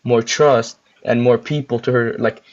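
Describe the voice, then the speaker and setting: A man's voice: mid-range voice, steady tone, unhurried. A young man chatting casually on a livestream as a guest store owner, rambling with lots of filler words while chewing gum. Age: young adult. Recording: muffled lo-fi audio.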